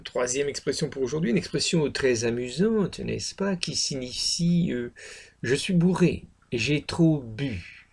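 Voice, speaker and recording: A middle-aged man giving a casual spoken lesson, repeating each phrase and filling pauses with hesitations. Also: medium pitch, gravelly, dark tone, breathy edge. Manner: repeats phrases, lots of fillers. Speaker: English teacher.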